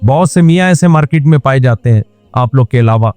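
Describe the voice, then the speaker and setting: A man's voice: mid-range voice, darkish tone, no room sound, soft background music. A man with a Pakistani Urdu accent giving a conversational, humorous religious lecture and acting out everyday examples. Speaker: Islamic scholar giving a lecture. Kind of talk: sermon.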